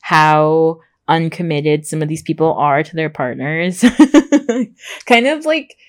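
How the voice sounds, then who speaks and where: A woman podcast host giving a casual, rambling, chatty recap in informal speech, with soft R's that come out close to W. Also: low voice, expressive, takes it slowly. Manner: rambling, gushing informal talk with frequent "like" and "super".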